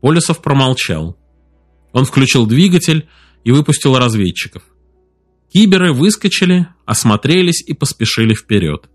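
A man narrating an audiobook in a measured, steady reading voice. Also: medium pitch, faint music behind. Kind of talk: scripted narration.

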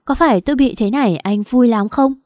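A distraught young mother cries out and begs in a raised, loud voice, as a woman narrator puts her on. The tone is mellow and warm, recorded close and dry. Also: on the high side, a little fast, no room sound, pitched above the performer's own voice, lightly acted. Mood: anguished. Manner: sobbing, desperate pleading.

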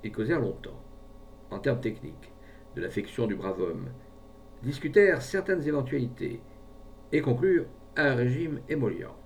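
A man narrates a tale with gravel in his voice and a lively, rising and falling delivery. He reads expressively, like an audiobook performer. The mic sits away from him, with a faint rumble underneath. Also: moderate pace, far from the mic. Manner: theatrical, voices each character with lively pitch. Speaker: narrator reading a short story.

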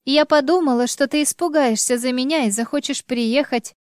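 Woman doing a jittery wife in an audiobook, high and quick, fake-cheerful, clean dry sound. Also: smooth, dry recording, close to an everyday voice. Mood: flustered. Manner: nervous, quick, overly bright. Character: flustered wife lying to her husband. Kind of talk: audiobook reading.

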